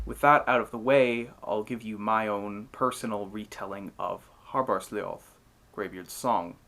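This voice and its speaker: A man's voice: on the low side, a bit bright. A man giving scripted, explanatory narration in the manner of a storyteller. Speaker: narrator, mythology channel host.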